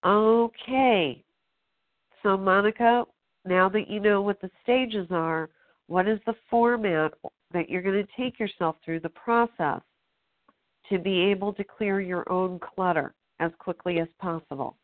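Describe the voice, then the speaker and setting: A woman's voice: mid-range voice, a little slow, no echo. A woman coach giving direct, encouraging feedback on a coaching call. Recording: tinny phone line.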